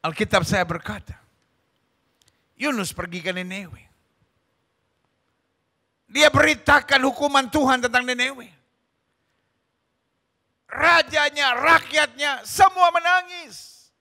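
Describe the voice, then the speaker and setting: Man, middle-aged pastor, sermon, fervent, very high voice, hushed to emphatic. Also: lively intonation, slow pace, vocal fry, long pauses. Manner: fervent preaching, swinging between hushed and emphatic.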